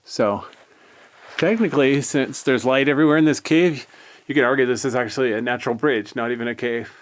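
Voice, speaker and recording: A man wanders through a cave with his camera, offering casual, meandering commentary in an easygoing way. His medium-pitched voice moves a little fast, and the handheld footage picks up clear background noise.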